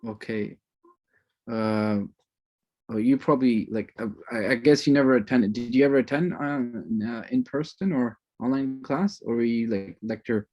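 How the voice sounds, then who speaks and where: A man's voice: mid-range voice, normal speed, darkish tone. Chatty man greeting an online class. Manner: chatty, rambling, sprinkles religious phrases. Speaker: course instructor.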